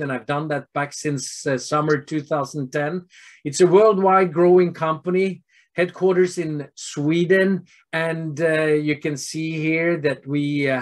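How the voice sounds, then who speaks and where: A Norwegian-accented man in his fifties talks doctors through a presentation over a video call. His voice sits a little high, and his delivery is earnest and steady, with many filler pauses between points. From Norway. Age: 50s. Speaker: health product presenter.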